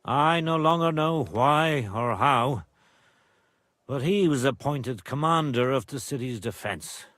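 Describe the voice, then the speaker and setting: An actor playing a proud older nobleman and father in a medieval video game, speaking gravely and formally. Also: medium pitch, lively intonation, slow pace, fairly bright tone, no room sound, studio quality. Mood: somber. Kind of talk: video game dialogue acting.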